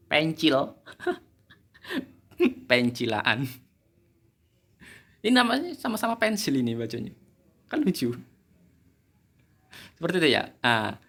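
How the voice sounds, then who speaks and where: A man's voice: fairly high pitch, a bit bright. A man, teaching a casual English lesson, chatty and joking at his own expense. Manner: chatty, joking, laughs at himself.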